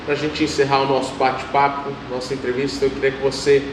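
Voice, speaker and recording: A male interviewer speaking quickly in a measured, formal way. He sits far from the mic in a roomy, echoing space. An air conditioner hums clearly behind him. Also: mid-range voice, completely flat delivery. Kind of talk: interview question. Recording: distant mic, echoey room, air-conditioning hum.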